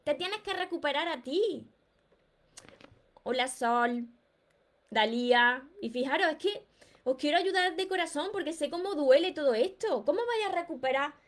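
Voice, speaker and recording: Animated and high-pitched, a woman talks at a normal pace with a Peninsular Spanish accent. As a self-help author on a live stream, she greets her viewers by name and gives them emphatic, uplifting advice.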